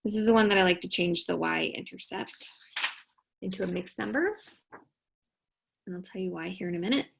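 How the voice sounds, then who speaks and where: A woman's voice: fairly low pitch, normal speed, gravelly, pauses often, a little hiss or hum, low-quality recording. A woman teaching a recorded math lesson, talking students through each step and answering her own questions. She sounds tired and keeps yawning.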